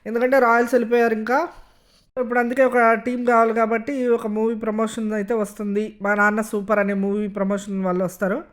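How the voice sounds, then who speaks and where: This is a reviewer walking through an episode in a relaxed, chatty way. The retelling is loose and wanders, with frequent filler sounds between phrases. The voice sits at an ordinary middle pitch. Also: brisk. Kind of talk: casual spoken episode recap.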